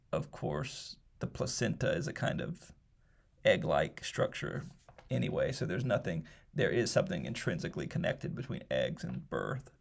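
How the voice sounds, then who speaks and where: A young man talking quietly in his office with a grumbly vocal fry, rambling and hesitant in a casual solo monologue. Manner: quiet, talking low to avoid being overheard. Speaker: podcaster.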